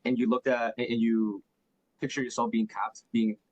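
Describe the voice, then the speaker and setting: A man's voice: medium pitch, level tone, normal speed, no room sound, highs cut off. A young man working as a sales closer on a call, asking probing questions and repeating himself with many fillers. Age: young adult.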